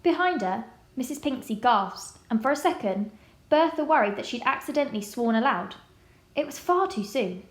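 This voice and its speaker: A woman reading a children's novel aloud in a measured, expressive way. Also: fairly high pitch, roomy sound. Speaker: storybook reader.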